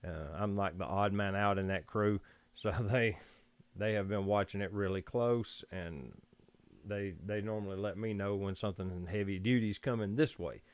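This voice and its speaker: Easygoing Southern man, low voice. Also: moderate pace, smooth, no echo. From Georgia, US. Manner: rambling, easygoing, chuckles often. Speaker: photography livestream host. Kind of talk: casual live-stream chat. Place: room at home.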